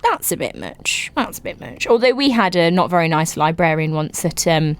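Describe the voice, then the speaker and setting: A woman's voice: fairly low pitch, normal speed, clear, resonant tone, no echo. A woman hosting a podcast, reading listener stories aloud and reacting to them with giggles and exclamations. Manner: animated, giggly, exclaims often. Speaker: podcast host.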